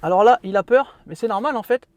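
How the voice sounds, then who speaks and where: Man, car vlog host, high pitch, dry close sound, jokey asides, easygoing walkthrough. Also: fast talker, a little mellow, no echo, lo-fi sound. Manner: chatty, joking, self-mocking asides. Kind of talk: casual product walkthrough. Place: inside a parked car.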